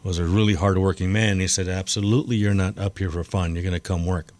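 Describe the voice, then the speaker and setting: Deep-voiced middle-aged man, relaxed. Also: fast talker, no echo. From Texas. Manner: relaxed, laughs easily, frequent fillers. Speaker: general contractor guest. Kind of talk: casual interview talk.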